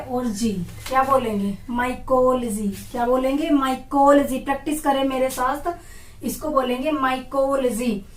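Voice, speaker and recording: A woman teacher giving an exam-prep lesson, asking questions and repeating each term slowly so students say it with her. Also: high-pitched. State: dry throat. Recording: echoey room, far from mic.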